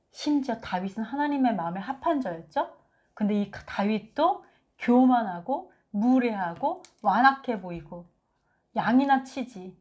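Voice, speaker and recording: A woman leads a conversational Bible study, her voice a touch higher than most. She talks animatedly and often slips into lively quoted lines from the stories she explains. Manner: animated, acts out biblical quotes. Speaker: Bible teacher.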